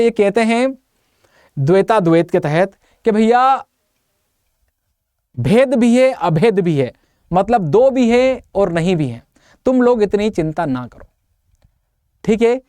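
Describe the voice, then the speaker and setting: A man's voice: high voice, a little slow, pauses often, clean tone, no room sound, clean studio sound. A man teaching an exam-prep lecture, keeps asking his students questions and answering them himself, with playful memory tricks. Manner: lively, uses memory tricks and jokes.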